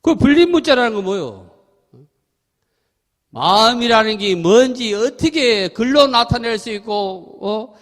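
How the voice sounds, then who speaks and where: A middle-aged Buddhist monk with a Gyeongsang accent gives a chatty dharma talk. His voice sits high for a man and swings widely up and down. The talk echoes with a long reverb through a temple hall. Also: unhurried. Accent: Gyeongsang Korean. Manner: lively, chatty, laughs often, asks listeners questions. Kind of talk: sermon with storytelling.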